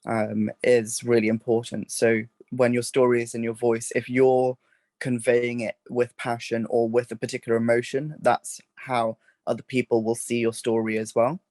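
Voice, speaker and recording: A man joins a workshop over a video call and speaks in a flat, even tone. The sound is dry and close. He hedges and rushes through his asides. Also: medium pitch, no echo. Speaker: workshop participant.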